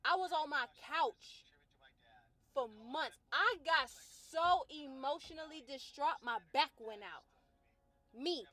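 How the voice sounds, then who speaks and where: A female fitness trainer who vlogs delivers a personal rant to camera, outspoken and colloquial, moving between loud bursts and soft, low musing.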